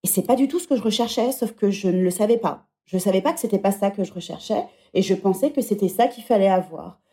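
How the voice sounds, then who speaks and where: A woman in her thirties talks as a podcast guest in a conversational interview. Her voice sits at a middle pitch with a mellow, warm tone. She reflects aloud as she answers. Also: quick pace. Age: 30s. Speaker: podcast guest, former teacher.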